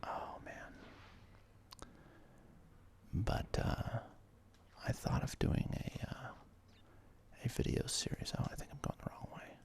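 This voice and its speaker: In his thirties, an ASMR let's play host whispers video game commentary from his apartment, rambling in a hesitant, self-deprecating way. His voice is slow and darkish, broken up by frequent pauses.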